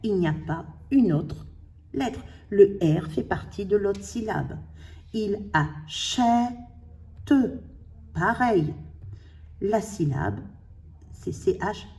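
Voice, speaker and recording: A woman teaching a spelling lesson, slowly sounding out syllables and letters for her pupils. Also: medium pitch, lively intonation, warm tone, distant mic. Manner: slow, carefully sounding out syllables.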